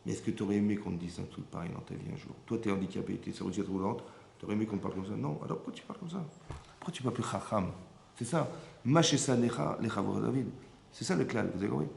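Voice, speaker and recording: Low gravelly man teaching in an echoey room. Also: very fast, a little mellow. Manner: keeps checking with listeners, repetitive asides. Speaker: rabbi teaching a class. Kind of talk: Torah lesson. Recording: echoey room with faint background hum.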